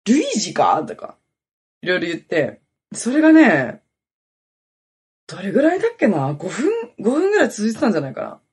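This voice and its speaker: Husky-voiced woman chatting animatedly. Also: mid-range voice, huge pitch swings, brisk, long pauses, darkish tone. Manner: rambling anecdotal storytelling with many fillers. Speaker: podcast host. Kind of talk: casual chat.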